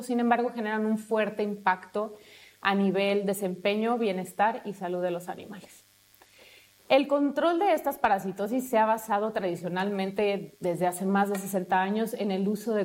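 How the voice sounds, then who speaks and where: A woman from Mexico with a Mexican accent, a university researcher explaining her field in a fluent, steady way. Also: medium pitch. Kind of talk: explanatory talk to camera.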